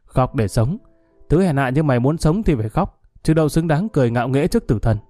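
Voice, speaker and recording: A man playing a cocky young thug who taunts and threatens in a theatrical way. His voice is dark and mellow, and it sounds dry and close. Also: mid-range voice, expressive, fast, dry recording, faint music behind, close to an everyday voice. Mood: menacing, mocking. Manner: menacing, showy, theatrical. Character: swaggering young street thug with flowery speech.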